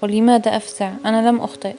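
A woman voicing a defensive, frightened young wife in a read-aloud story, speaking in sharp, tearful bursts. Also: medium pitch, monotone, quick pace, faint music behind, natural voice. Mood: upset.

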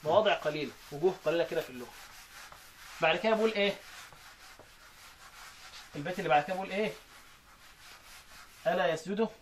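A man with an Egyptian Arabic accent teaching Quran recitation rules, often questioning his students and chanting verses slowly. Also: sits high, slight background noise. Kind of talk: explaining recitation rules in a lesson.

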